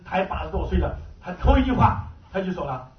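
A man's voice: high voice, big pitch swings, fast talker. A man giving a testimony sermon, telling his story with animation and frequent laughter. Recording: dull, echoey, from far off.

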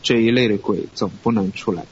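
Male scripture reader, steady and measured, on a dull recording with faint hiss. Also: on the low side. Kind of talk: reading scripture aloud.

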